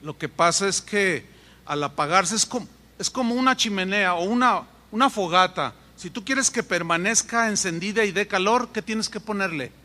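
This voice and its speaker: A man preaching a sermon as pastor, animated and acting out voices in his stories. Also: high-pitched, moderate pace. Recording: echoey hall with long reverb.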